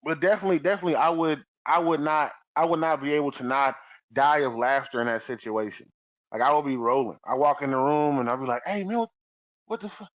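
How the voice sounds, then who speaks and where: A man's voice: medium pitch, steady tone, fast talker, no echo, highs cut off. A man hosting a podcast, chatting casually as he reads out viewer comments, loose and profane, laughing often. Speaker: podcast host.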